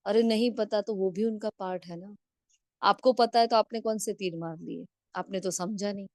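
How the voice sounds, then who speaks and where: A woman with a medium-pitched, darkish voice speaks at normal speed, giving a spiritual discourse on a video call as a class teacher. She leans on rhetorical questions and frequent tag questions to check in, and the sound is clean studio quality with no echo.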